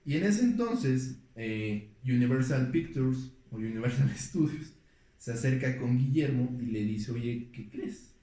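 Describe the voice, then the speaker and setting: A man's voice: mid-range voice, expressive, a little slow, mellow. A man tells film stories in a loose, rambling way, full of fillers and restarts. He sits back from the microphone. The room rings with heavy echo. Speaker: podcast guest. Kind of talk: casual storytelling chat. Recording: echoey room, distant mic.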